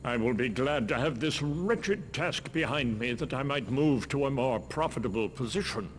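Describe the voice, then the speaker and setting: A man's voice: mid-range voice, normal speed, slight background noise, close to an everyday voice. An actor playing a frustrated, formal mechanist craftsman in a fantasy video game, with theatrical archaic speech. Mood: grateful, humble. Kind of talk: video game character dialogue.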